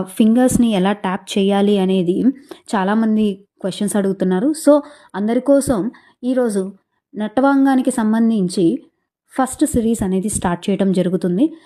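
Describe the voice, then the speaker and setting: A woman teaching dance rhythm, explaining patiently and reciting beat syllables slowly. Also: medium pitch, warm tone. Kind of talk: instructional talk.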